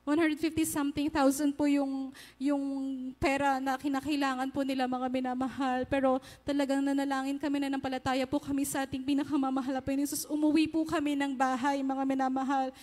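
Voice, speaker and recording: A woman speaks earnestly before her congregation, sharing a church testimony in a high voice. Her pitch stays fairly level as she addresses the listeners again and again. Her words ring out with a long reverb, as in a large church hall. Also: flat delivery, fairly quick, darkish tone. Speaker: church member giving testimony.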